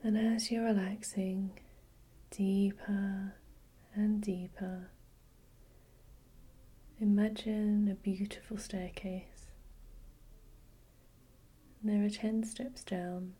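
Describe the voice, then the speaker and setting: A woman whispering a slow, soothing guided relaxation with gentle repetition. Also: mid-range voice, flat delivery, breathy edge. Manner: soft unvoiced whisper. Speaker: hypnosis guide.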